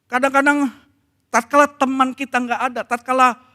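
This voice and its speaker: A middle-aged man preaching a sermon in a church, talking conversationally and moving between soft asides and emphatic passages. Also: extremely high pitch, flat delivery, normal speed. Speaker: pastor.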